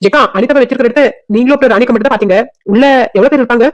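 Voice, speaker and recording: Woman doing a steady young village woman for a cartoon, Kanyakumari Tamil accent, rapid-fire delivery, a little off-mic. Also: fairly high pitch, muffled recording, pitched below the performer's own voice, lightly acted. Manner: steady, reassuring, takes charge.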